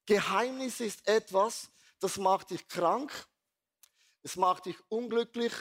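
A man preaches a sermon with a high voice. He talks in a lively storytelling manner, blunt and earthy. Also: slow pace. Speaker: pastor.

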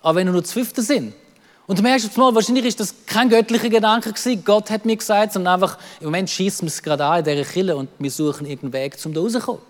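Man, Swiss German accent, lively sermon, high voice, long hall reverb. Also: quick pace. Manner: lively, acts out quoted voices, repeats words. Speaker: pastor.

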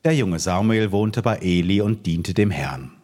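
A man's voice: sits low, animated, a little slow, darkish tone, dry recording. A man reading a Bible story aloud as a dramatized narration. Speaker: scripture reader.

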